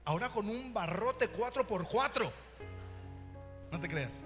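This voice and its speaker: A middle-aged man with a Mexican Spanish accent, preaching an animated sermon as pastor and mimicking children and parents. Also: high voice, measured pace. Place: church hall. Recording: long reverb in a church hall, music behind.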